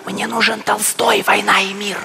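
An actor playing a timid but eager male library visitor in his thirties, hushed and hesitant, in a stage comedy sketch. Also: sits high, flat delivery, moderate pace, creaky, exaggerated voice. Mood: earnest. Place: large indoor theatre stage. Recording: noisy live theatre, audience crowd.

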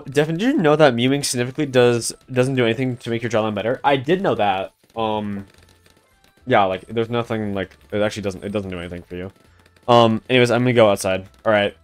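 A young man streaming a co-op tower defense game live, chatting loosely with his chat and friends, full of "like" and restarts. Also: medium pitch. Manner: rambling, filler-heavy, talking to chat. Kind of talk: casual live gameplay commentary.

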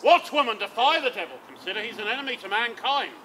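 A man on an open-air stage playing a boisterous, scheming old knight who talks in a loud, swaggering, theatrical way. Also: extremely high pitch, expressive, fast. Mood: coaxing. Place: outdoor stage. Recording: outdoor recording with traffic noise.

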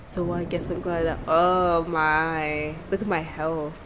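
A woman giving casual, jokey gameplay commentary, easily spooked and excitable. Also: low voice, slow, background noise. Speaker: gaming video host. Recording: game music underneath.

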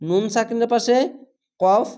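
A man teaching Quran reading step by step, slowly drawing out recited words between explanations. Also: extremely high pitch, fairly even intonation, warm tone, clear, resonant tone. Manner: slow drawn-out recitation alternating with instructive explanation.

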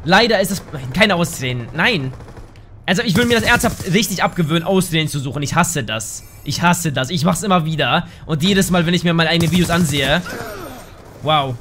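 A man giving casual gameplay commentary, excitable, yelping and swearing at the game into a desk microphone at home. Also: a little high, fairly quick, a little hiss or hum. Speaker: gaming YouTuber.

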